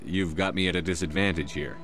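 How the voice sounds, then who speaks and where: An actor playing a confident military commander in a video game, blunt, assured and matter-of-fact. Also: male voice, low-pitched, steady tone, brisk, over music, natural voice. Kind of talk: video game character dialogue.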